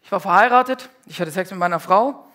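A man preaching a sermon to a congregation. He talks in a slangy, emphatic way, swinging from loud outbursts to hushed confessions. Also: high-pitched, a little fast. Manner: colloquial, slangy. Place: church service before a congregation.

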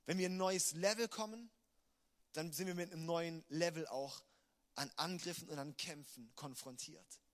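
A man preaching a sermon, emphatic, moving between quiet reflective passages and loud urgent ones. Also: a little high, normal speed.

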